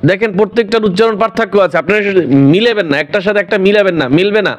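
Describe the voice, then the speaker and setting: A man teaching Quran letter pronunciation, slowly drilling each letter sound one at a time. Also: sits high. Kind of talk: recited pronunciation lesson.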